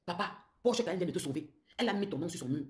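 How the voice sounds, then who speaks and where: Woman, Cameroonian French accent, live-stream host; fast, low-pitched, accusatory and confrontational delivery. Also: lively intonation. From southern Cameroon. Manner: accusatory, confrontational, repeats taunts. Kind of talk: heated live-stream rant.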